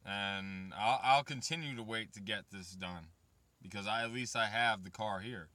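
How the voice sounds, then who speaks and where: A man's voice: lowish voice, normal speed, sharp tone, dry recording. A man of thirty chatting casually and profanely to his viewers, rambling about waiting and raising kids. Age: 30s. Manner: rambling and profane, talks straight to chat. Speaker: vlogger.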